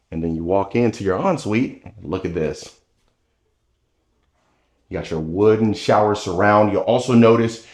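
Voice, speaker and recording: A man hosting a walkthrough tour of a new model home, talking straight to the viewer in an enthusiastic, salesy way while he walks from room to room with a handheld camera. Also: on the low side. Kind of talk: walkthrough house tour narration.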